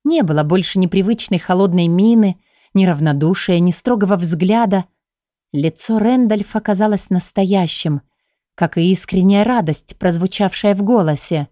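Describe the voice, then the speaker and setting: A woman narrating a first-person fantasy audiobook in an even, measured reading voice. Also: medium pitch, no echo, studio quality.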